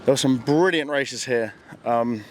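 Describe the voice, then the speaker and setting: A man's voice: medium pitch, unhurried. A young man from the UK casually narrating a travel vlog outdoors, chatty and enthusiastic with a slangy way of talking, recorded on a handheld camera. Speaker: vlogger. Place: outdoors in a city and at a racetrack. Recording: outdoor street noise behind.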